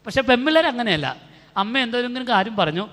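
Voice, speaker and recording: High-voiced Malayali preacher in a hall. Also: male voice, fast talker. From Kerala. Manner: animated storytelling with acted quotes. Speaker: retreat preacher. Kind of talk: retreat talk to youth. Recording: long hall reverb.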